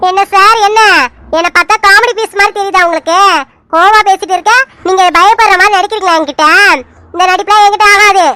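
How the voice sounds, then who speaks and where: A woman voicing Poomari, a playful and quick-tempered young village woman in an animated serial, who argues in rapid, indignant bursts. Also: very high voice, no room sound. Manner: indignant, rapid back-and-forth arguing. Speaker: cartoon character.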